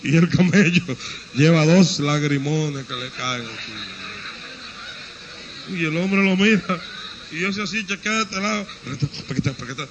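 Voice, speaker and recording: A man's voice: fairly high pitch, a little slow, pauses often, muffled recording, noisy background. A man telling jokes casually and acting them out with sound effects. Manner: narra con mucho gesto y sonidos. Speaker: joke teller. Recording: sonido apagado con ruido leve.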